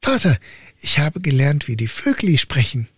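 A man's voice: a little high, big pitch swings, normal speed, husky, no echo, clean studio sound, voice pushed up. A man voicing a simple young son who earnestly answers his father.

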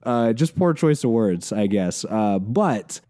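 A man co-hosting a casual podcast, animated and quick to laugh, with many fillers and restarts. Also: lowish voice, no echo, clean studio sound. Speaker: podcast co-host.

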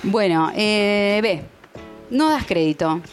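A woman with a Rioplatense accent hosting a casual chat, laughing often and quickly acting out little scenes. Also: mid-range voice, animated, soft background music. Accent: Rioplatense Spanish. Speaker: podcast host.

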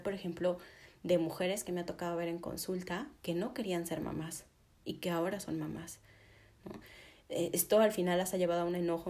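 A woman's voice: on the low side, darkish tone. A woman psychotherapist giving a conversational talk to an audience, often checking in with a rhetorical "¿no?".

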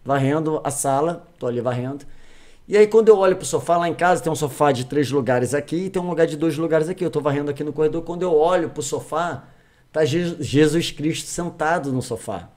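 A young adult man with a Brazilian Portuguese accent, telling a personal story as a podcast guest in casual chat, animated and repeating phrases for emphasis. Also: a little high, fairly quick.

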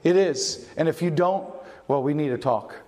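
A pastor preaching a sermon, asking his congregation questions and varying his pace and loudness for emphasis. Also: fairly high pitch, normal speed. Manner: asks the congregation questions and answers them.

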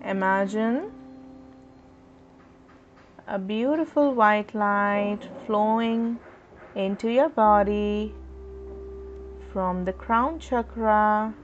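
Slow soothing woman guiding a meditation. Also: mid-range voice, a little hiss or hum. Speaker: meditation guide. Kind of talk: guided chakra meditation. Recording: dull lo-fi recording with soft music.

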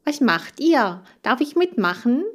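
A woman's voice: fairly high pitch, very animated, measured pace, pitched above the performer's own voice. A woman voicing a naive, curious little male hamster, full of wide-eyed questions. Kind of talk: audiobook character voice.

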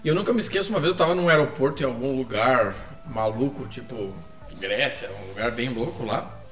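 A man co-hosting a podcast, sharing reflective anecdotes with pauses and hesitations. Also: medium pitch, a bit bright, echoey room, recorded from a distance, faint music behind. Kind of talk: casual podcast chat.

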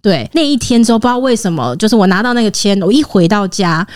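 A woman from Taiwan, a podcast guest telling stories in an animated way and acting out what others said. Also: medium pitch, fast. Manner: animated, acts out quoted voices. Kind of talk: casual storytelling.

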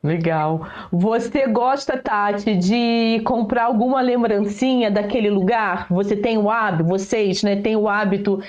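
A woman's voice: medium pitch, a little slow, hardly any pauses, darkish tone, highs cut off. A woman hosting an interview, chatting and prompting her guests with questions. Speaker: host.

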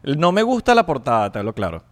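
A man's voice: medium pitch, wildly swooping pitch, fast talker. A man hosts a casual video chat, talking in a playful, slangy way and addressing his viewers directly. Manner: playful, chatty, lots of slang. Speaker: host.

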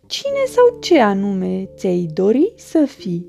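A woman voicing a magic lizard in a storybook, speaking slowly in measured rhymes. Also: mid-range voice, huge pitch swings, gravelly, dark tone, soft background music. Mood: solemn. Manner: slow, measured rhyming speech. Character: slow, solemn magic lizard.

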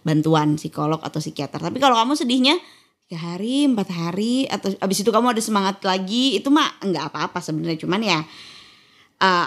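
Casual conversation: a woman in her thirties who talks fast and brightly, slipping into little acted-out quotes as she explains things to her co-host. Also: lowish voice, vocal fry. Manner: chatty, lively, often acts out quoted speech.

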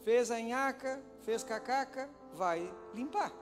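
A pastor preaching a sermon in a church, swinging from hushed asides to loud, dramatic shouts. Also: male voice, very high-pitched, takes it slowly. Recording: hall reverb with faint music.

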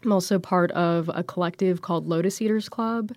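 A woman's voice: lowish voice, fairly quick, darkish tone, dry recording, clean studio sound. A woman in her thirties from the United States, chatting casually as an interview guest, rambling with many fillers and restarts. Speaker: guest, graphic designer.

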